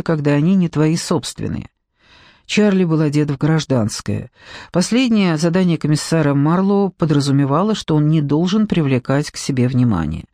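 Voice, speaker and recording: A man narrates an audiobook in measured storytelling, with a somewhat high and lively pitch. The studio sound is dry and close, with no room around it. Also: no echo. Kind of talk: scripted first-person narration.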